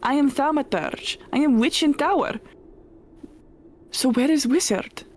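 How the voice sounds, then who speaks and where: A woman's voice: sits high, unhurried, darkish tone, a little hiss or hum, pitched above the performer's own voice. A woman voicing a lonely, confused witch who lives in a tower, speaking in formal, clipped sentences that drop their articles. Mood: insistent.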